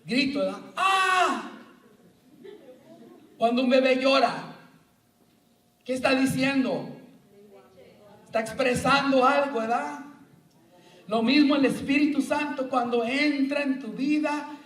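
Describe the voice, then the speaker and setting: Guy preaching at a retreat, kinda high voice, animated, sounds far off the mic. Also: a little slow, pauses often. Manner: animated, acts out scenes, keeps asking the audience "¿verdad?". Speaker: retreat speaker. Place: church hall. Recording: roomy echo, speaker far from the mic.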